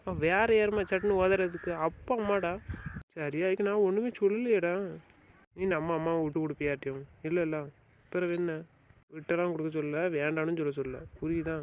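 A man playing a pleading, coaxing husband. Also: close to an everyday voice. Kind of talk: amateur web drama acting. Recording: muffled low-fidelity recording.

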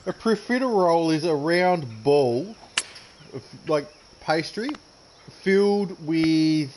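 A man's voice: fairly high pitch, lively intonation, takes it slowly, darkish tone, slight background noise, low-quality recording. A man with a slightly raised voice chats loosely while playing a golf game. He jokes and laughs a lot, and faint crickets chirp in the background. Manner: joking, laughs often, talks with his mouth full. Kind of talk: casual gaming chat.

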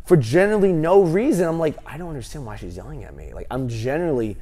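A man in his thirties, a gym owner, answering interview questions with animated stories and lots of fillers, on a lapel mic in a large gym. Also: on the high side, fast. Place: large empty gym, indoors.

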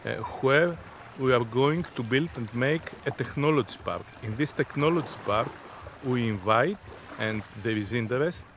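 On a sea beach, a man in his fifties representing an innovation zone answers interview questions in a halting, deliberate, unscripted way. His voice is mid-range, and seaside noise fills the background.

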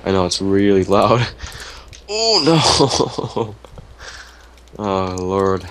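A man's voice: deep voice, flat delivery, unhurried, a little hiss or hum. A man playing a game and chatting casually, rambling with lots of fillers and frequent exclamations. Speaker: game player. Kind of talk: casual gameplay chat.

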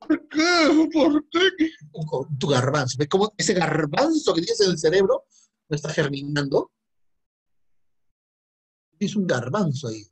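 A man's voice: fairly high pitch, expressive, normal speed, long pauses, husky. A middle-aged man, teaching an online history class and teasing and scolding his students with jokes.

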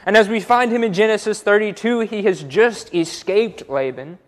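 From a church pulpit, a young man with a high voice preaches a sermon at normal speed, earnestly repeating words as he builds each point. The church auditorium gives the recording a long reverb.

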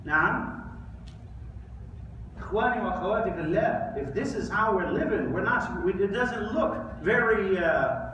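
High-voiced and a bit bright, with lively intonation, this thirty-something preacher is giving an Islamic lecture. He speaks with emphasis and deliberation, pausing and asking rhetorical questions, and weaves in Arabic recitation. The recording comes from far off in a large mosque prayer hall via camera or phone, echoey with faint noise.

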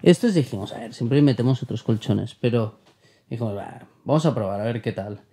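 A man's voice: mid-range voice, animated, brisk, dark tone, a little hiss or hum. A man in his thirties vlogging while driving and touring an apartment, chatty and joking, talking with his hands. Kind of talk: casual vlog talk. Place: inside a car and an apartment, outdoors in mountains. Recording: music bed under the voice.

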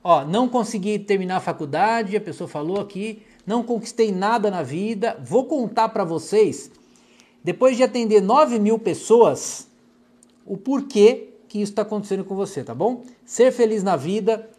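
A middle-aged man from Brazil with a Brazilian Portuguese accent, a clinical hypnotherapist chatting casually on a live stream and reading out viewer comments, affectionate and chatty, often dropping softly aside to someone off camera. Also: high-pitched, lively intonation, moderate pace.

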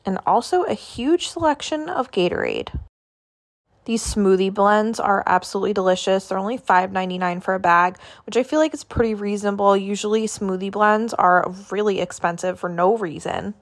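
A woman with a medium-pitched voice speaking at normal speed records a casual grocery-store walk on her phone, chatting about items and their prices as she goes.

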